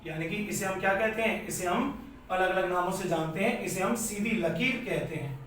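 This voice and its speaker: A man's voice: high-pitched, moderate pace, fairly bright tone. A man teaching a Hindi grammar lesson, explaining step by step and repeating key points, in an echoey room far from the mic. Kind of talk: classroom lecture.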